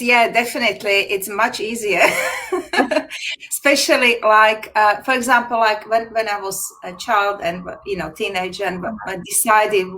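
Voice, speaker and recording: A woman's voice: medium pitch, a bit bright, slight background noise, low-quality recording. Give me a laughing woman on a video call. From Slovakia. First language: Slovak. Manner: chatty, laughs often, loose grammar. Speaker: guest, retired dog groomer. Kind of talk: casual interview chat.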